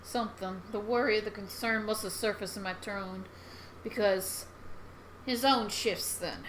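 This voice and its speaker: A woman reading a horror game's narration aloud in a soft, measured way. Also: medium pitch, a little hiss or hum, poor audio.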